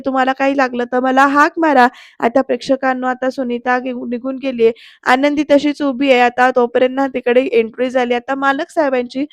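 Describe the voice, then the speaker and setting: A woman retells a TV serial episode in a voice-over, quoting each character's lines one after another. Her voice sits high but stays fairly level in tone. The recording is dry and close. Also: dry recording.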